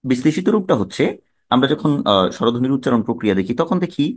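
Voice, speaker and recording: A man with a Bangladeshi Bengali accent teaching a pronunciation lesson, measured and explanatory, asking questions and answering them himself. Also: mid-range voice, big pitch swings.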